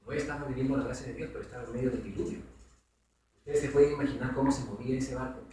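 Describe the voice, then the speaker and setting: A man with a mellow, mid-range voice races through a Bible study for a congregation, his intonation fairly even, asking listeners questions in a conversational way. He's captured from a distance in a very echoey church hall, with a little hiss or hum.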